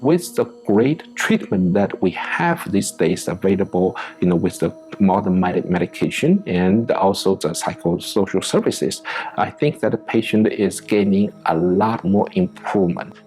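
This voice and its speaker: A male clinician with a low voice, explaining treatment in a measured, careful way. Soft music plays faintly underneath. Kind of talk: documentary interview.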